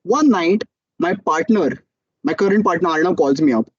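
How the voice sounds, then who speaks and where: A young adult student entrepreneur with an Indian English accent gives a motivational talk about starting out, telling his story with animated energy and acting out other people's quotes. His high voice has a breathy edge and a moderate pace. The recording is dry and a little dull.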